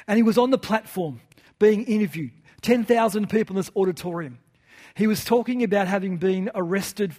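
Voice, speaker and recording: A man, a pastor, preaching an evening sermon in an earnest way, often letting his phrases fall soft and quiet at the end. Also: high-pitched.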